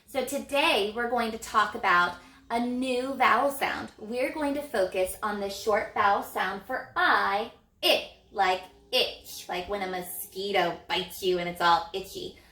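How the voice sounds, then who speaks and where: A woman teaching a phonics lesson to young children, stretching out sounds slowly and acting out the motions for each vowel. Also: mid-range voice, sharp tone, roomy sound. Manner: slow, exaggerated sound modeling with gestures. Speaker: elementary reading teacher.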